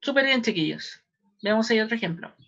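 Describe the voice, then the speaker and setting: A woman with a Chilean accent teaches an online chemistry class. She talks patiently and spells terms out slowly for her students. The audio is a little dull and lo-fi. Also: on the high side, expressive, fairly bright tone. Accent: Chilean Spanish. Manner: patient, repeats names slowly, addresses students.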